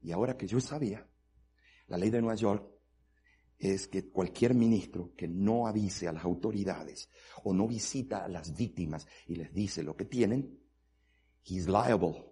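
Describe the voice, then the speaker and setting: Casting: husky male pastor, sermon that swings from hushed storytelling to loud preaching, code-switches between Spanish and English. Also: low-pitched, a little slow.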